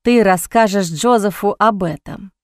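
A woman voicing a cold, cynical aristocratic man in an audiobook, speaking low in a husky, mocking whisper. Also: measured pace, no room sound, clean studio sound, natural voice. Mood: hoarse.

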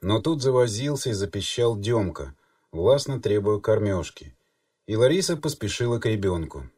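Low-voiced man narrating an audiobook. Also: sing-song, moderate pace, darkish tone, no room sound, studio quality, distant mic. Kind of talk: scripted narration.

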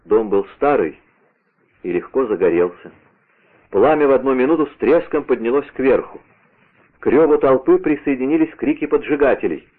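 A man's voice: mid-range voice, expressive, normal speed. A man narrating an adventure novel in a vivid, theatrical reading. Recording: tinny lo-fi radio broadcast.

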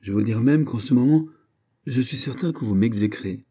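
Cunning young law clerk, read by a man, mocking and sure of himself, dark tone. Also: medium pitch, normal speed, breathy edge, pitched above the performer's own voice, natural voice. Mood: teasing. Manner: mocking, self-assured.

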